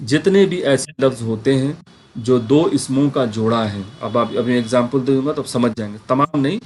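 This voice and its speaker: A man teaching a Quran grammar class, explaining patiently, checking in with his students and slowly repeating words to show how they are said. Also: mid-range voice, darkish tone, slight background noise. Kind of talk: online class lecture.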